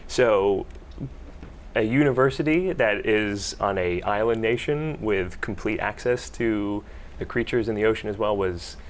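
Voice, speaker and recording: Casual man, slightly low voice. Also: unhurried, a little hiss or hum. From Pittsburgh, United States. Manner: informal, hesitant with fillers. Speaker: PhD student, marine biologist. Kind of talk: panel answers.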